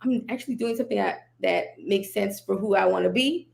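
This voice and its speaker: Chatting casually as a guest on a podcast, this woman recounts her own story with plenty of energy, often laughing as she repeats what she and others said. Her mid-range voice is gravelly, and her pace is fairly quick.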